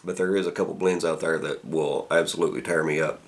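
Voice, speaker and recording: Casting: man with a very low-pitched voice, casual reviewer, thinks aloud in halting phrases. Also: steady tone. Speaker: pipe tobacco reviewer.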